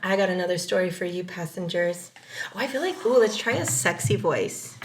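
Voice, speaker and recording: A woman's voice: fairly low pitch, expressive, fairly quick. A middle-aged woman co-hosting a podcast, chatting casually, telling stories and laughing often. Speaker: podcast co-host. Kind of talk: casual chat.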